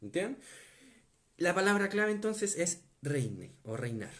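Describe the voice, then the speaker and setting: A man preaching a Bible teaching sermon, stressing key words, slowing down on them and often asking his listeners whether they follow. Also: high voice, very animated, fairly bright tone. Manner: asks the listeners to confirm often.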